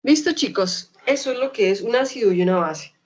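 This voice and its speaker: A young adult woman with a Colombian accent from Medellín, teaching an online chemistry class in a chatty way. She keeps checking in with her students and slowly repeats key terms. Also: fairly high pitch, animated, a little mellow, husky. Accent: Colombian Spanish, Medellín.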